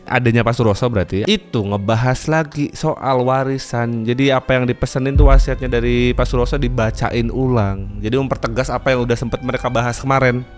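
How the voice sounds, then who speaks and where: A man hosting a story show, narrating a scary tale in a chatty, casual way with many fillers and asides. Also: mid-range voice. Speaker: storyteller host.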